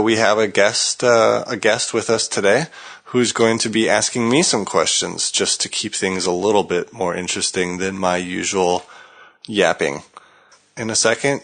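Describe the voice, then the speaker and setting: A podcast host from California, an American man with a low, slightly bright voice, chats casually, full of hesitations and restarts.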